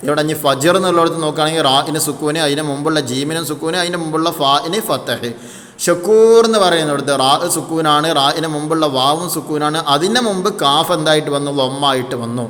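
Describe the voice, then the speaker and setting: Guy teaching tajweed, kinda high voice, patient, keeps quizzing then answering himself, lots of reverb. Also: brisk, fairly bright tone. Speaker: Quran recitation teacher. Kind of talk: tajweed lesson.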